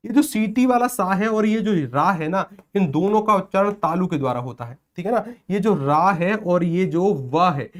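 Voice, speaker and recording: A man teaching an exam-prep lecture, lively and playful, often asking questions and answering them himself. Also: high-pitched. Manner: lively, asks and answers his own questions; playful, acts out village celebration chants. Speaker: Hindi teacher.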